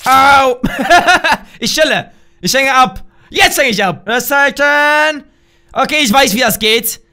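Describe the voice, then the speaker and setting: A young man from Germany doing loud, excitable let's play commentary, often shouting and throwing in English slang. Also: very high-pitched, measured pace. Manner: mixes English slang into his talk. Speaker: gaming YouTuber.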